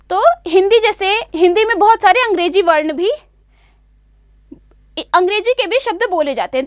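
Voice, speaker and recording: Teacher, female: very high voice, dry close sound, patient and careful, spells out each sound for kids. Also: no echo. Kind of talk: children's grammar lesson.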